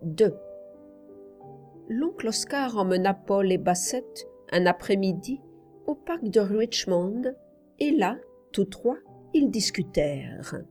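Brief: female audiobook narrator, calm, unhurried, mid-pitched. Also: soft background music. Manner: calm, deliberate reading. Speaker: audiobook reader. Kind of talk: scripted narration.

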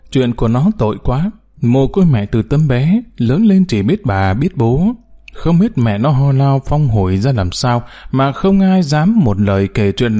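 A man reading a story aloud as narrator, telling it in an expressive way. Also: medium pitch. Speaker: audiobook narrator.

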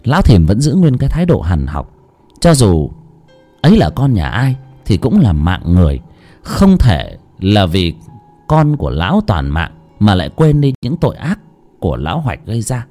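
A man's voice: fairly low pitch, huge pitch swings, normal speed, mellow, faint music behind. Dramatic male audiobook narrator. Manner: dramatic storytelling.

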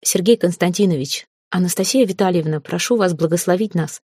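Woman voicing a calm, formal young groom. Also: fairly low pitch, brisk, slightly rough, no room sound, clean studio sound. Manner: composed and formal. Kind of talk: audiobook reading.

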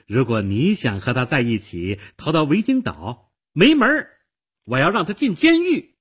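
Guy doing a shrill angry jealous young woman, yelling high, kinda husky. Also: big pitch swings, moderate pace. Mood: furious. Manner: shrill, accusing outbursts. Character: furious jealous young woman accusing liar.

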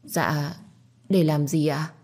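A woman voicing a timid young servant girl who answers softly and meekly. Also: low voice, steady tone, slow, husky, exaggerated voice. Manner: soft, timid, mumbling.

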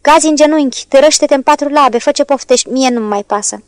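A weary, scornful man in a storybook, dismissive and fed up, as a woman reader puts him on. High voice, dry close recording. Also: no echo, lightly acted. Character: weary scornful male client.

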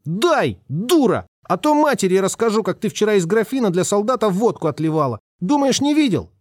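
A spoiled, mischievous little boy, whining in a sugary, thin, very high voice that swoops up and down. He sounds cheeky and stubborn in this storybook reading, in a dry room. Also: very animated, brisk, darkish tone, no room sound. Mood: whiny, cheeky.

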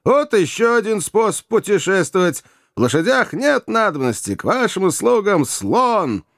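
A man voicing an excitable, cheerful young male servant who shouts eagerly in high bursts. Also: moderate pace, dry recording, studio quality, heavily acted. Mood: elated.

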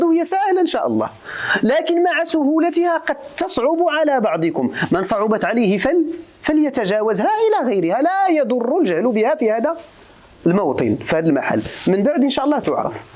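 Lively, fast Moroccan teacher. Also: male voice, very high-pitched. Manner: quizzes students, mixing formal Arabic with colloquial asides. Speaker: religious teacher. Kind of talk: grammar lesson to students.

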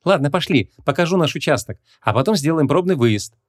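Guy voicing a bubbly young cop woman, high and playful, audiobook. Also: expressive, a little fast. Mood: lively.

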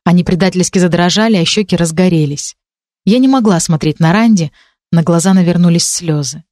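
Woman reading a novel aloud, expressive and measured, dry close mic. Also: on the low side, no echo. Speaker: narrator. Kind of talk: audiobook narration.

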